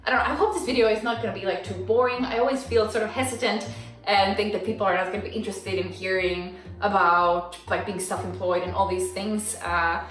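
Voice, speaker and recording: This Swedish-speaking Finnish woman talks fairly quickly in a mid-range voice with fairly even intonation. She's an Instagram creator doing a casual Q&A vlog from her home, chatty and full of fillers and soft restarts. Music plays behind her, and the distant mic makes the room sound roomy.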